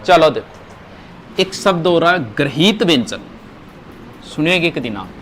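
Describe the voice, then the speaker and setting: A man's voice: a little high, expressive, unhurried, a bit bright, slight background noise. A male teacher, giving a grammar lesson to a class, asking questions and stressing words.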